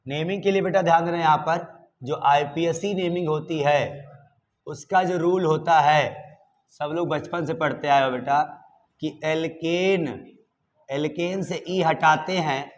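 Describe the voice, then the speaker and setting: A man's voice: a little high, a little slow. Male chemistry teacher, coaxing. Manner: coaxing, asks students questions and calls them "beta". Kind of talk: classroom lecture.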